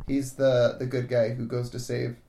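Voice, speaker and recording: Gravelly man podcast co-host, joking banter, echoey room. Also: mid-range voice, level tone, warm tone. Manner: joking, quick pop-culture asides. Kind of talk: casual chat.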